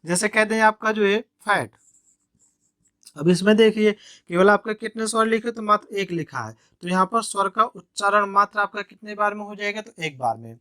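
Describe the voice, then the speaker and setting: A man's voice: sits high, moderate pace, sharp tone, dry recording, clean studio sound. A male teacher explaining an English grammar lesson in Hindi, step by step, with frequent repetition of key points.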